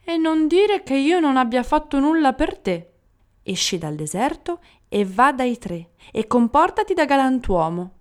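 A woman's voice: sits high, big pitch swings, a little slow, pitched above the performer's own voice. A woman voicing a stern, knowing male genie of the deserts in a storybook reading.

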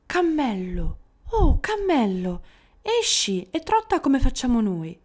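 A woman's voice: sits high, very animated, takes it slowly, darkish tone, voice pushed up, exaggerated voice. A woman voicing a hardworking male horse who complains earnestly, in a storybook reading. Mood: reproachful.

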